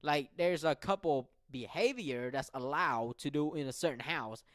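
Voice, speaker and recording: Slow-explaining man, a bit high, dry sound. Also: expressive, no echo. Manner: slow, repetitive, checks in with "right?". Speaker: talk show host. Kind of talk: solo explanatory talk.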